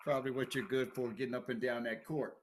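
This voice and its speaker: A man hosting a casual sports talk show, excitable and quick to laugh, often repeating words as he talks. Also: medium pitch, noisy background.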